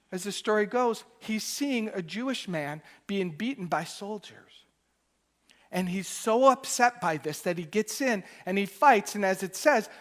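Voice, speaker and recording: A male minister preaching a Sunday sermon in church, moving between loud emphatic bursts and soft, quiet asides. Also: high-pitched. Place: church during a Sunday service.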